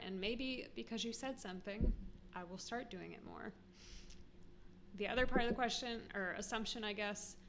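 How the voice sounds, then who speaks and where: A woman's voice: medium pitch, sharp tone, slight background noise. An American woman vlogging to camera, chatty and self-deprecating, often laughing. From United States. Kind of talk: casual talk to camera.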